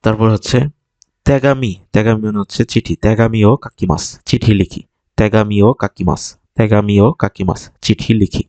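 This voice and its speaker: In a vocabulary lesson, a man who speaks Bengali as his first language explains words patiently and repeats each one for practice. He talks at normal speed in a lowish, darkish voice with fairly even intonation, and there's no room sound.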